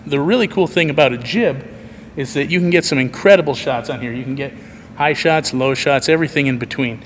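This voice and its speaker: A man's voice: mid-range voice, brisk. Man vlogging casually in an echoey hall. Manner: rambling, self-deprecating, dry humor. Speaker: video producer and vlogger giving a tour. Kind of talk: casual handheld vlog narration. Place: large empty church auditorium at night. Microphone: handheld camera microphone. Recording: echoey large hall, clear background noise.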